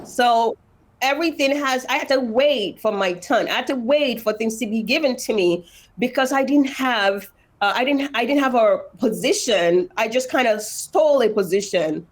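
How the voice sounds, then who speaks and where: A Nigerian woman in her thirties, speaking with a Nigerian accent at normal speed in a slightly high voice, tells her life story as an interview guest. She's earnest and emphatic, repeating phrases for weight.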